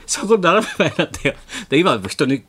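An older man talks fast through a rambling radio story. His pitch leaps around as he acts out the people he quotes. A faint hiss sits under the studio mic. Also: lively intonation. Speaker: radio host. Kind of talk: casual radio chat.

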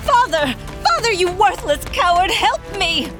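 A woman's voice: high voice, a little slow, music in the background, pitched above the performer's own voice. A woman voicing a spirited young princess in an audio story, bold and frank. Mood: angry.

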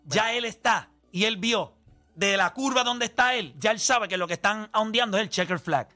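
Insistent high-voiced man arguing sports. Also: moderate pace, pushed and bright, soft background music. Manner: insistent, talks over others, explains with long analogies. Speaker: podcast co-host. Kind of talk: heated sports debate.

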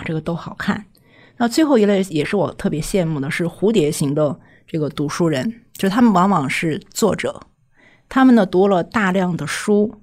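A woman professor guesting on a podcast, talking in a measured, thoughtful way and reaching for metaphors. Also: lowish voice, darkish tone. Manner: measured, thoughtful, full of metaphors and pause words. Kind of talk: casual chat.

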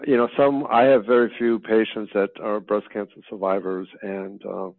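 A man speaks as a physician guest in an interview, in a voice a little on the low side. He hesitates and restarts often. His voice comes over a tinny, dry phone line. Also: flat delivery, moderate pace, creaky, dry recording. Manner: hesitant, many fillers and restarts. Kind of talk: conversational interview.

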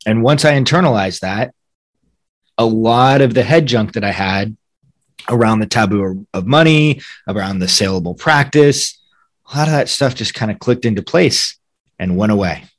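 Male podcast co-host, lower register, thoughtful explanatory conversation. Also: animated, normal speed. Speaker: podcast co-host, financial advisor.

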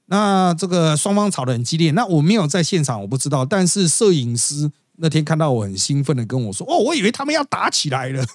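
A man's voice: mid-range voice, darkish tone, no echo. A man with a Taiwanese Mandarin accent hosting a podcast, giving chatty, gossipy, wry political commentary. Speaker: podcast host.

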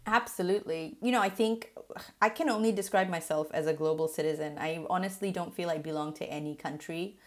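A woman's voice: on the low side, brisk. A woman from Singapore, a guest on a podcast interview, talking in a chatty way with fillers and frequent laughs.

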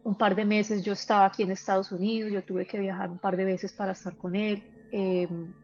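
As a guest in a relaxed interview, a woman recounts personal experiences earnestly and emotionally, often hesitating as she goes. Her voice is medium-pitched and slightly mellow with little pitch movement, and the audio sounds dull.

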